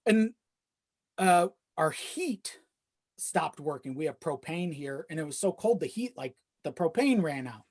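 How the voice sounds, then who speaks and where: A podcast guest tells personal stories in a casual, rambling chat, often chuckling as he talks and swearing offhandedly. His medium-pitched, slightly mellow voice has lively intonation and a measured pace. The recording is dry and close.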